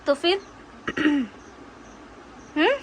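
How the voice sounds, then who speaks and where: A young woman chatting casually in a family vlog, gently coaxing and asking the same things again and again. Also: extremely slow, a little hiss or hum, low-quality recording. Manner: coaxing, tender, repeats questions. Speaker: vlogger.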